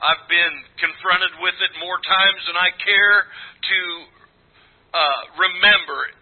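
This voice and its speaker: A man in his sixties preaching a sermon to a congregation, earnest and emphatic, with a husky, rough-edged voice. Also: high-pitched, fairly even intonation, slow pace. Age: 60s. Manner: earnest, emphatic, exhorting with repeated phrases. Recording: thin, phone-like band-limited sound.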